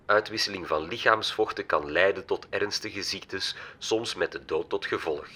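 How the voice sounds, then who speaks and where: A man reading an audiobook and voicing a calm artificial intelligence that speaks in a girl's head, warm and clear, measured and matter-of-fact. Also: low-pitched, exaggerated voice. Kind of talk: audiobook character voice.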